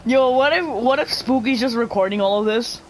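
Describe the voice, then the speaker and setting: A man's voice: very high voice, normal speed, slight background noise, rough recording. A man bantering and teasing his friends in casual voice chat while gaming, laughing often. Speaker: gamer.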